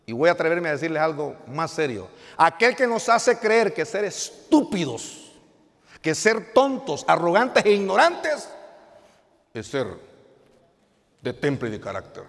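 A man, preaching an animated, joking sermon and calling out to his congregation in a church. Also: on the high side, measured pace, creaky. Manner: animated, jokes, calls out to the congregation. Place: church hall. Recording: long reverb in a hall.

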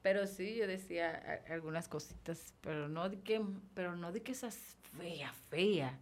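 A woman's voice: on the low side, normal speed. A woman, a guest in a casual chat, laughing easily and joking about herself. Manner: giggly, self-deprecating.

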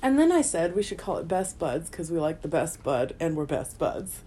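A woman's voice: low-pitched, sing-song, moderate pace, dark tone, husky. A woman co-hosting a casual chat podcast with a friend, laughing often and trailing off into fillers. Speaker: podcast co-host.

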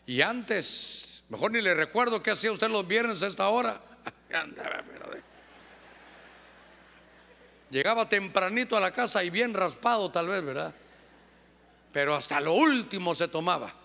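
A man preaches with fervor, his voice pitched high and edged with a gravelly crackle. He exhorts the congregation and slips into quick impersonations of church members. His words ring out with the long reverb of a church hall. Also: lively intonation, sharp tone. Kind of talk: sermon.

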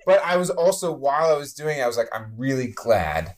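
A man guest on a podcast, telling stories about his marriage in an emotional, animated way. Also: a little high, very fast. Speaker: podcast guest, bookstore co-owner. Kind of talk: casual storytelling interview.

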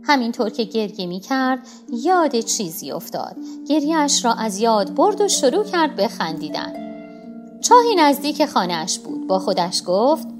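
A woman with a high voice reads a children's fable aloud, telling it expressively. Faint music plays underneath her narration. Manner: expressive, even storytelling. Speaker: storyteller. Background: soft music.

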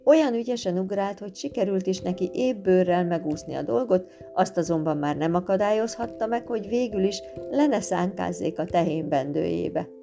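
Lady reading a fairy tale out loud, kinda gravelly, guitar going in the back. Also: mid-range voice, few pauses. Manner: lively expressive reading. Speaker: narrator. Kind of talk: storybook reading. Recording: guitar music behind.

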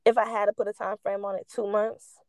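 A woman's voice: medium pitch, little pitch movement, a little fast, darkish tone, no echo. A young woman telling personal stories casually, stoned and rambling, losing her thread, with candid slang and free swearing.

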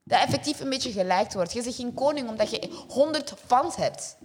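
A young woman, chatting as a radio guest and talking with lively animation. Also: fairly high pitch, normal speed, slight background noise. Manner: animated, mimics people she quotes. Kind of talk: casual chat.

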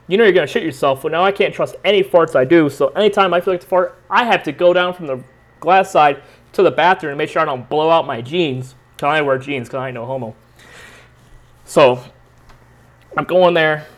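Podcast host, young man, slightly high voice, crude and rambling, cursing through a casual story. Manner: crude, rambling, profane, self-mocking. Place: San Diego area.

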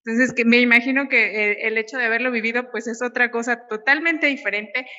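A woman hosting an interview, talking in a halting way with many repeated words and fillers. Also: fairly high pitch, pushed and bright. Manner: hesitant, repeats words while asking. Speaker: podcast host. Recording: lo-fi audio with long reverb.

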